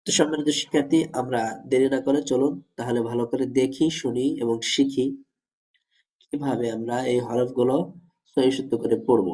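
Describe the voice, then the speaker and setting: A man's voice: medium pitch, steady tone, a little fast, darkish tone, rough recording. A man teaching Arabic letter pronunciation as a lesson, methodical and formal with his students, repeating each point.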